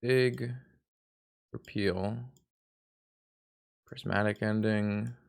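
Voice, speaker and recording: Male card game streamer, fairly low voice, hungover, self-deprecating and sweary, rambling live commentary. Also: fairly even intonation, drawn-out words, gravelly, clean tone.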